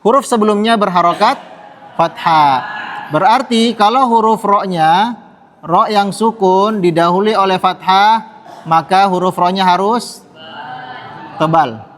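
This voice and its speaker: A high-pitched man teaches Quran recitation at an unhurried, deliberate pace. He patiently repeats each sound for his students to echo. His voice rings with the long reverb of a large hall. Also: a bit bright. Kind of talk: classroom tajwid lesson.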